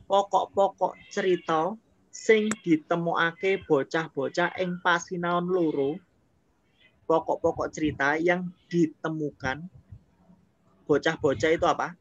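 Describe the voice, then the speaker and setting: A man's voice: a little high, fairly even intonation, a little slow, no room sound. A male primary school teacher, recording a remote lesson, reading text and then explaining it in Indonesian. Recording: muffled, noisy home recording.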